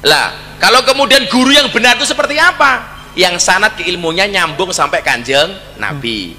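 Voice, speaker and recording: A man's voice: high voice, normal speed. A man with a Javanese accent preaching a sermon, telling stories with jokes and slipping into Javanese. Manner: joking, lively storytelling, slips into Javanese. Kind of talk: sermon with humorous storytelling. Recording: hall reverb.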